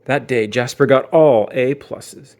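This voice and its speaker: A man with a medium-pitched, darkish voice narrates a children's book as dramatic storytelling, using theatrical emphasis and suspenseful pauses.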